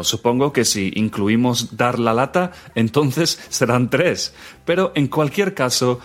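A man from leads a scripted language lesson segment. He talks at an average pitch and repeats each phrase slowly and clearly for learners. Soft music plays faintly behind him. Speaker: language teacher.

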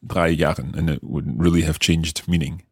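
A man's voice: rumbling low, fairly even intonation, moderate pace, husky, no echo, studio quality. A man from Scotland, co-hosting a language lesson as a learner and translating phrases step by step. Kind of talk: casual lesson talk.

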